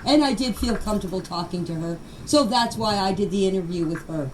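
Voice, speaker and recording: This older woman's voice sits at medium pitch, animated and slightly quick. Speaking off the cuff in noisy, amateur voice messages, she recounts her own story forcefully and defensively, circling back to the same phrases to insist on her view.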